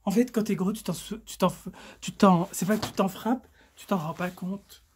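A woman, chatting in a casual unboxing haul vlog; excitable, swearing often and stumbling over her words. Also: mid-range voice, normal speed, a little hiss or hum. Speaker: vlogger.

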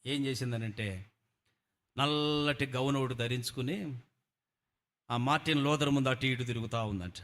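A pastor preaching a sermon to a congregation, repeating lines and building to fervent peaks. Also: male voice, medium pitch, moderate pace, pauses often, a bit bright. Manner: repetitive, emphatic, surging to fervent peaks.

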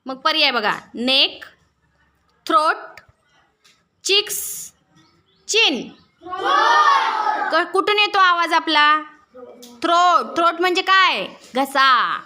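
Slow, high-voiced woman teacher. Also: lively intonation, pushed and bright, a faint crowd, slight background noise. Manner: slow, explains each word twice; drills students with questions. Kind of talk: classroom lesson.

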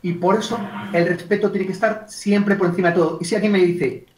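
A man leads an online workshop on communication. His voice sits high, and he acts out little client exchanges along the way. He is heard from a distance in a room with a lot of echo. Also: fairly quick, a little hiss or hum. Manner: lively, acts out client dialogues, addresses chat participants by name. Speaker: communication trainer. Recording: echoey room, distant mic.

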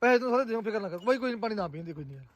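A man's voice: high voice, expressive, racing, dry recording, muffled recording. A man playing a flustered pleading landowner. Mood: placating. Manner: pleading, placating, stumbling repetitions. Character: anxious male landowner pleading with his farmhand. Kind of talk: amateur village drama.

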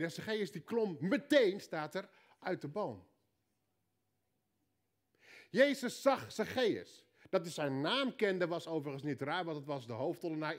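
A man with a Dutch accent preaching a sermon, telling a story with punchy repeated lines and quiet joking asides. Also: on the high side. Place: church hall.

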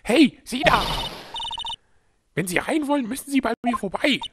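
A man's voice: very high-pitched, expressive, normal speed, heavy background noise, pitched above the performer's own voice. A man voicing a grumpy, scolding, gossipy old woman security guard from a video game. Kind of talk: dramatic reading of video game dialogue. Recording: loud music over the voice.

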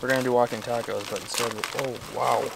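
A man's voice: mid-range voice, fairly even intonation, quick pace, creaky, distant mic, heavy background noise. A young man talking casually on a camp vlog, easygoing and chatty, with many fillers, outdoors at night. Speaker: vlogger.

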